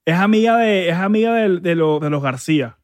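A young man with a Venezuelan accent talks casually on a podcast. His voice is slightly high. He halts and restarts often and drops English phrases into his speech. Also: expressive. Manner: halting, mixes in English phrases. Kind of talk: casual chat.

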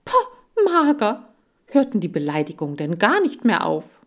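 A woman's voice: sits low, sing-song, fairly quick, exaggerated voice. A woman voicing a proud, touchy male hamster who acts tough and takes offence easily, in a storybook reading. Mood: outraged. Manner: indignant, boastful.

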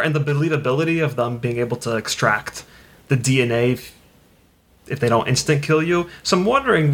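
A man's voice: mid-range voice, a bit bright. A man on a podcast panel, thoughtfully working through a question about a game's design. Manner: thoughtful, asks questions, hesitant restarts. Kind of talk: casual game discussion.

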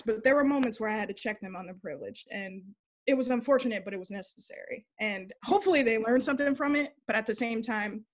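A young woman, an interview guest, telling a candid story in a blunt, animated way, swearing freely and acting out what people said. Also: a little high. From United States. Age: young adult.

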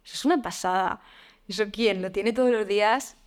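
A woman, a podcast guest talking openly and reflectively, with frequent fillers and soft laughs. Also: mid-range voice, fairly quick, clear, resonant tone. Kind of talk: candid conversational interview.

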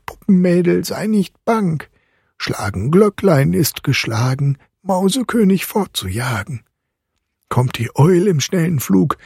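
A strange old clockmaker godfather with a snarling, monotone chant, pitched high. His voice is husky and breathy, as a male reader puts him on. It is a storybook reading. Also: no room sound, studio quality, heavily acted.

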